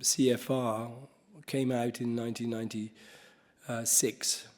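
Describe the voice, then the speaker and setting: A man chairing a conference panel, talking off the cuff with halting restarts and the odd cough. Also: medium pitch, level tone, darkish tone. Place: conference hall.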